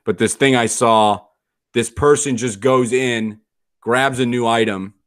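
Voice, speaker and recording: A man's voice: mid-range voice, fairly even intonation, measured pace, a bit bright. A man co-hosting a casual podcast chat, profane and rambling with frequent laughter. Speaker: podcast co-host.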